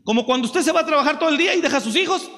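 A male preacher, delivering a fiery sermon full of rhetorical questions and shouted emphasis. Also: very high voice, animated, racing. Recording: long hall reverb, faint music.

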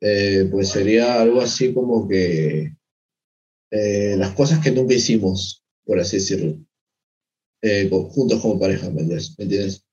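A man's voice: lowish voice, moderate pace, darkish tone, slightly rough. A young man co-hosting a podcast, chatting casually and rambling, often searching for his words and using slang. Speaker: podcast co-host. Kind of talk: casual chat. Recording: dull lo-fi sound.

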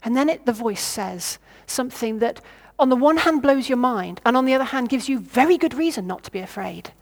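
Preaching a sermon in an animated, somewhat high voice, a woman talks a little fast and reflects aloud. She puts questions to her listeners and sometimes stumbles over her words.

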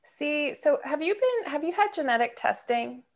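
This Ohio woman hosts a podcast and rambles through a casual conversation, laughing and using fillers. She sounds animated, with a high, gravelly voice and a moderate pace.

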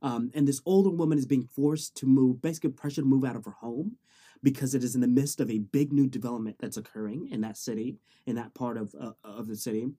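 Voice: medium pitch, steady tone, quick pace, dark tone. A young adult student about to graduate, casually summing up a documentary in a rambling way, with many restarts and joking asides. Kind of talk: casual spoken summary of a documentary.

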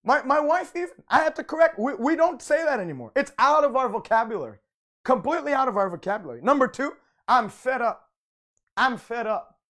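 A man's voice: very high-pitched, sing-song, fast, a bit bright. A man preaching a conversational broadcast sermon, speaking in fervent, emphatic declarations and often repeating or restarting his phrases.

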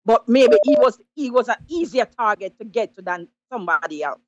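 Jamaican lady calling in, lecturing hard in patois, kinda high voice, dry sound. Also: expressive, a little fast, no echo, dull audio. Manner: emphatic, preachy advice with patois. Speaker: caller. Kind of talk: call-in radio commentary.

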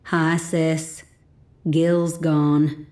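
A woman voicing a gentle, worried adult brother who talks softly and plainly in a storybook reading. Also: fairly high pitch, little pitch movement, extremely slow.

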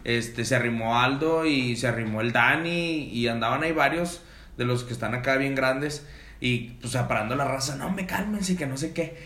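In an echoey room, a man with a medium-pitched voice spins a comic party tale for friends at normal speed. He's animated, full of heavy slang, and acts out the quoted voices.

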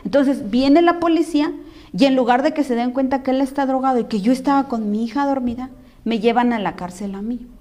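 Guest voice: Mexican woman, higher-than-average pitch, earnest testimony that voices other people's lines. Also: a little fast. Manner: earnest, animated retelling, acting out others' words. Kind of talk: personal testimony in a conversation.

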